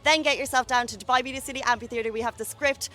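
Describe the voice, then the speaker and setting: A woman presenting an event promo and vox-pop interviews in an excited, gushing way. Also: on the high side, quick pace.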